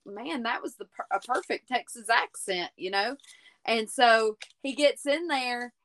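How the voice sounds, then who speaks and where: Bright, slightly high female podcast co-host, an animated storyteller. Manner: animated, tells stories. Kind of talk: casual storytelling.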